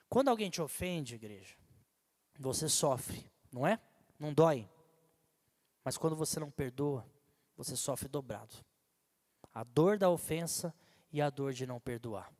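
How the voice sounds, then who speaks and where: A man pastor preaching a sermon to his church in a conversational, animated way. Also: on the high side. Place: church sanctuary. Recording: long hall reverb from a church.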